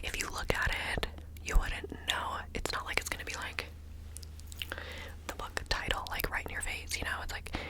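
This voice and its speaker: A woman whispering an informal, meandering ASMR ramble close to the microphone, ear to ear, sometimes repeating words. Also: low-quality recording. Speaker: ASMR video creator.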